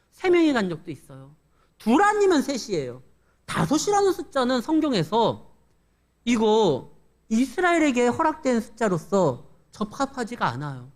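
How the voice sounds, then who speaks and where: A male pastor giving a conversational sermon with storytelling and humorous asides. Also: sits high.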